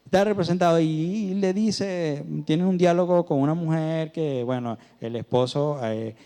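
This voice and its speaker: A man's voice: on the high side, a little slow, mellow, clear, resonant tone, in a large hall. A man giving a conversational sermon, telling stories and rising to emphatic peaks. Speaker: preacher.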